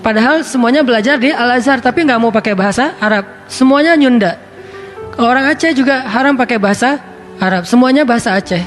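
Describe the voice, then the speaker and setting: A man's voice: extremely high pitch, quick pace, a bit bright, faint music behind. A male preacher giving a casual, chatty sermon, talking conversationally and now and then reciting scripture.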